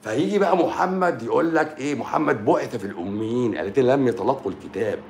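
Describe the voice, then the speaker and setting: A man's voice: medium pitch, animated, quick pace, gravelly, a little mellow. A man with an Egyptian accent delivers an informal monologue on religious philosophy. He keeps posing questions, acting out imagined dialogue, repeating words and addressing the listener directly. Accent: Egyptian Arabic.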